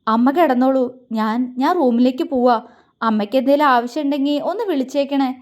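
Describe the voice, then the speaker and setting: A woman voicing a grieving young wife who speaks softly and emotionally in an audio drama. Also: high voice, a little fast, lightly acted. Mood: tender, tearful. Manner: soft, emotional, pleading.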